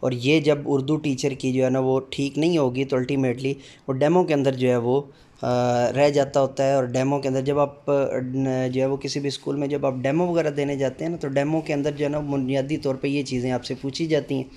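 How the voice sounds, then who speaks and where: Man, middle-aged teacher, alphabet lesson, slow letter-by-letter recitation, lots of fillers, mid pitch. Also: flat delivery, warm tone. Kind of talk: teaching the Urdu alphabet aloud.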